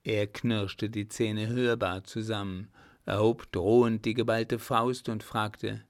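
A man reading a novel aloud as narrator, in measured, even storytelling. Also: lowish voice, no room sound, clean studio sound. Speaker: audiobook narrator. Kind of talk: scripted narration.

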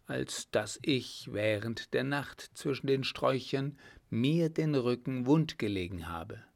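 A man's voice: medium pitch, slow, vocal fry. A man reading aloud and voicing a cheeky, loyal young male servant who talks in a jaunty, plain-spoken way.

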